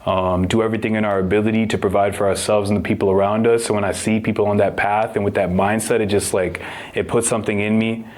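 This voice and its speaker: Young man, podcast host, low voice, monotone, earnest, casual. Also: fast talker, few pauses. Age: young adult. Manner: relaxed, earnest, many fillers. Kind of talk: casual interview.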